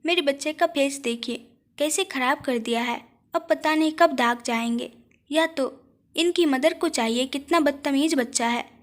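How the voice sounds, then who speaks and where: A sharp-tongued, furious mother from an audio storybook, as a woman reader puts her on. She scolds in a high, cutting voice. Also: a little slow. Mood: angry. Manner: scolding, loud. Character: angry, sharp-tongued mother of another boy.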